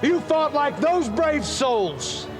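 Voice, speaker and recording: A fervent freedom fighter and grieving father in a film drama. His voice rides very high as he delivers an emphatic, earnest speech with deliberate pauses. Loud music fills the space behind him. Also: very animated, exaggerated voice. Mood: impassioned, rousing. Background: loud swelling music.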